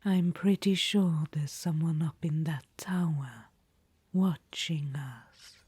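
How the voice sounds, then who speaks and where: Low and darkish, her exaggerated voice unfolds slowly in a recording free of room sound. She is a woman portraying a vain, ancient undead witch-queen in an audio roleplay, whispering breathily to her darling listener with languid, conspiratorial intent.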